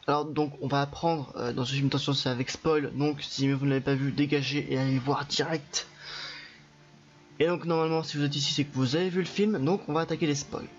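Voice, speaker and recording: A young man talks through a film review in a loose, chatty way, stumbling over fillers and restarts as he goes. His voice sits a bit high for a man. The recording is dull and lo-fi, with faint music underneath. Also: steady tone, a little fast. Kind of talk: casual video review.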